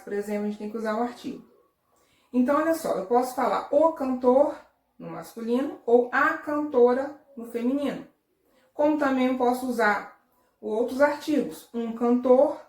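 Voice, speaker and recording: A Brazilian woman, a primary school teacher, gives a recorded lesson to young children in a slightly high, somewhat mellow voice with a Brazilian Portuguese accent. She is patient and repetitive and often checks in with "tá?". The room is echoey, and her voice sits a little far from the mic.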